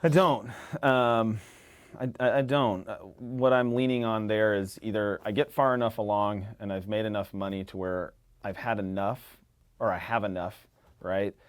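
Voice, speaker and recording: Easygoing low-voiced man telling stories. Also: normal speed, clear, resonant tone. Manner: animated, rambling storyteller who swears casually. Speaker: podcast guest, chiropractor. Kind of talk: casual conversation.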